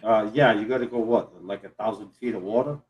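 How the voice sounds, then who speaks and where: A man's voice: fairly low pitch, a little fast, darkish tone, dull audio. Man, chatting casually. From Cape Cod, Massachusetts. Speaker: participant in a live group chat. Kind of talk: casual chat.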